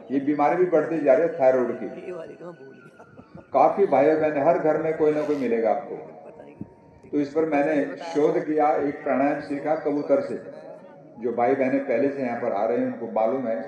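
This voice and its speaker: A man's voice: on the high side, dark tone. A man teaching yoga and home remedies at a public event, giving step-by-step instructions straight to his audience. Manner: instructive, addresses audience directly. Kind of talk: yoga and ayurveda class talk. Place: outdoor university yoga event. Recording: roomy, dull sound with faint ambience.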